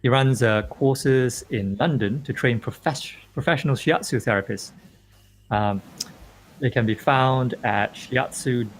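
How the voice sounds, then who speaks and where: A Malaysian man hosts an online interview, speaking at medium pitch and an unhurried pace on a rough recording. He reads a formal introduction before moving on to his questions, often using fillers and restarting sentences as host and interviewer.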